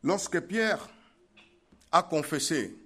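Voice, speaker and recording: A man's voice: on the high side, expressive, slow pace, a bit bright. A man preaching a sermon, emphatic and repeating his key phrases.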